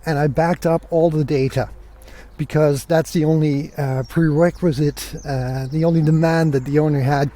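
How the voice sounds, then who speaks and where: On his solo podcast, a male host spins stories in a relaxed, chatty style, performing remembered conversations along the way. His voice is mellow and pitched on the high side.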